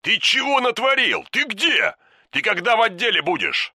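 A man voicing a gruff, blunt older police chief who grumbles and presses hard, in an audiobook reading. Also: high-pitched, very animated, normal speed, pushed and bright, no echo, studio quality, voice pushed up, heavily acted. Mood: angry.

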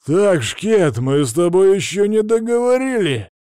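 A man doing a hoarse drunk street king. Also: a little high, very animated, slow, dark tone, no room sound, studio quality, voice pushed up. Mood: drunk, blustering. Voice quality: hoarse, slurred speech. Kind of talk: audiobook character voice.

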